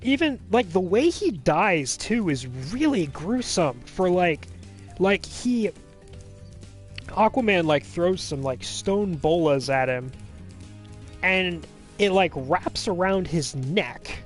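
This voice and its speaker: A man hosting a let's play, chatting casually and recapping a film in a rambling, animated way full of fillers. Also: high-pitched, slow pace, faint music behind.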